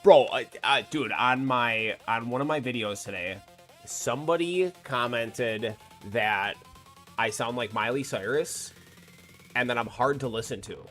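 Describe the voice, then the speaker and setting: A gaming streamer with a slightly nasal, medium-pitched and fairly bright voice chats with his viewers while he plays, talking a little slowly. He's laid-back, swears freely and addresses chat directly, with faint music playing behind him during the live stream.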